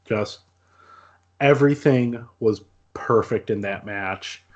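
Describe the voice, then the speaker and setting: A man co-hosting a podcast, talking in a measured, earnest way in casual chat. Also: on the low side. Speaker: podcast co-host. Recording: dull lo-fi audio.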